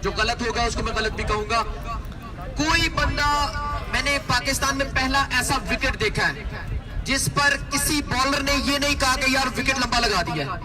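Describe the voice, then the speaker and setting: Man, cricket commentator, very high pitch, chatty, emphatic, opinionated, off-mic, loud crowd outdoors. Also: recorded from a distance, low-quality recording. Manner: opinionated, emphatic, repeats phrases. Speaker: cricket commentator and league organiser.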